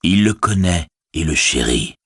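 A man voicing a wise old wizard in a measured, grave, reassuring way, with a husky voice. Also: low voice, lively intonation, a bit bright, no room sound, clean studio sound, full character voice. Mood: calm.

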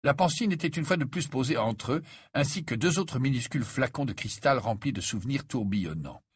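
Husky, expressive male storyteller. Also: medium pitch, a little fast, dry recording, clean studio sound. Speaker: narrator. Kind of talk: audiobook narration.

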